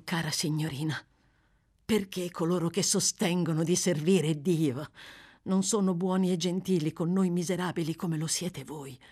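A woman voicing a frightened young woman of the streets, speaking in an urgent, bitter hush. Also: on the low side, natural voice. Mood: bitter pleading.

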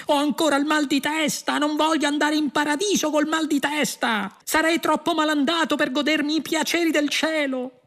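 A man voicing a panicky, put-upon male Englishman who complains in a high, strained voice. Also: fairly even intonation, moderate pace, fairly bright tone.

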